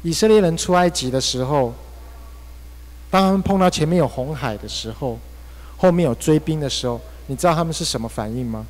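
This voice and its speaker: A man's voice: on the high side, fairly quick, darkish tone. A male pastor with a Taiwanese Mandarin accent preaching a sermon, telling a personal story with emotional swings. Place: church hall. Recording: long church hall reverb.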